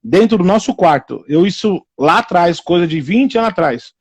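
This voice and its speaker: Preacher guy on a live stream, really high voice, dry close sound, keeps repeating himself. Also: moderate pace, husky, no echo. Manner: repetitive, animated, acts out quoted people in raised voices.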